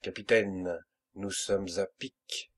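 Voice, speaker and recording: A man's voice: low-pitched, steady tone, slow. A man doing a dogged old-school ship's boatswain. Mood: insistent. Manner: dogged, insistent. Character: stubborn loyal male ship's boatswain. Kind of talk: audiobook character reading.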